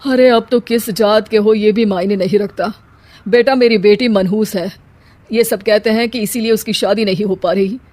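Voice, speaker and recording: A woman voicing a blunt, irritable middle-aged father in a cartoon story, talking in a gruff, scolding way. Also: medium pitch, fairly even intonation, normal speed, a little mellow, natural voice. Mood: weary.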